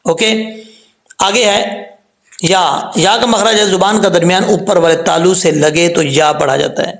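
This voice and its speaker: A man's voice: high-pitched, fairly even intonation, creaky, roomy sound, low-quality recording. A man with a Pakistani Urdu accent teaching Quran pronunciation step by step, patiently drawing out each letter sound and repeating it. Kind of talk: spoken tajweed lesson with drawn-out letter recitation.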